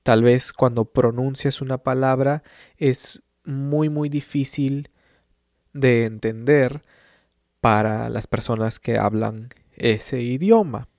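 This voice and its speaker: A Peruvian language teacher delivers a slow, clear lesson, pausing so each phrase sinks in before moving on. His medium-pitched voice is calm and encouraging, and he occasionally restates a point briefly in English. The recording is close and dry, with no room sound.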